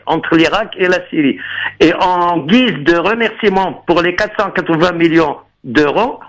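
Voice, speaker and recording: A man with a rather high voice calls in to a radio show over a phone line. He rambles earnestly through a political commentary, wandering from one point to the next. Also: fairly bright tone. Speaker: radio caller.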